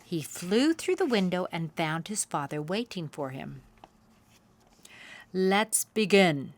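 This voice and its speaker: Reading a picture-book story aloud for young children, a woman hosts the session with expressive, carefully paced phrasing. Her voice is on the low side.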